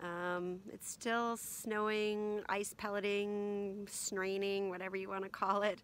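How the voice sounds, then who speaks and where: A woman in her forties chatting casually to camera from inside a heated canvas tent, relaxed and rambling with lots of ums. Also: mid-range voice, slow, a little hiss or hum. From Canada. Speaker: camping vlogger. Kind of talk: casual vlog chat. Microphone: camera at arm's length and on a stand.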